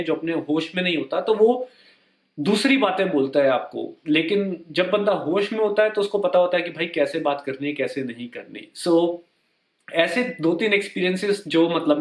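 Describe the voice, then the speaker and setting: A young Indian vlogger with a slightly high voice speaks at a moderate pace, telling personal stories to camera in an echoey room. The tone is conversational, with English words slipped in and the other people's lines acted out.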